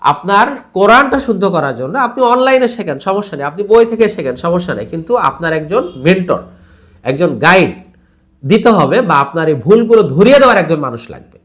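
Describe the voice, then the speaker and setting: A man gives a spoken recitation lesson in a fairly high voice. He is earnest and patient, and he draws out the long vowels as he drills each syllable. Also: very animated, brisk, a bit bright. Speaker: Quran recitation teacher.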